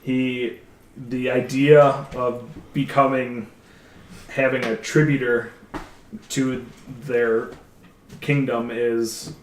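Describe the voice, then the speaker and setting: A man running a tabletop game as dungeon master, narrating in a slow, halting way. His voice sits at a middle pitch. The room echo and faint background hiss are audible. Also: flat delivery. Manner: measured, halting narration with fillers. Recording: roomy echoey room, faint noise.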